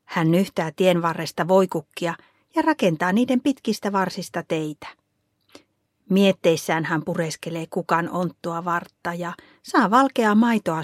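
Calm woman reading a children's story. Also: fairly low pitch, no room sound, clean studio sound. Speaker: storybook reader.

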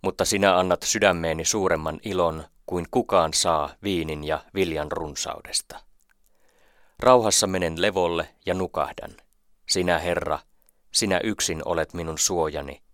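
Deep-voiced man reading psalms solemnly. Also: fairly even intonation, a bit bright, no echo, clean studio sound. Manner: slow, measured, solemn recitation. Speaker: scripture reader. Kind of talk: scripted Bible reading.

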